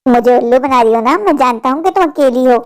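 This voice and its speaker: A woman's voice: high-pitched, quick pace, close to an everyday voice. A woman voicing a sly male stranger in a cartoon story, who coaxes sweetly and then backs off nervously. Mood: wheedling. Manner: wheedling, then backing off nervously. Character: sly male stranger trying to lure a girl.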